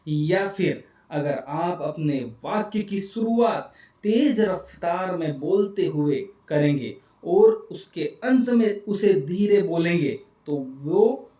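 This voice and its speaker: A man calmly explaining a book summary in scripted narration, speaking straight to the viewers. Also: high-pitched, roomy sound, far from the mic. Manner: calm, explanatory, addresses viewers directly.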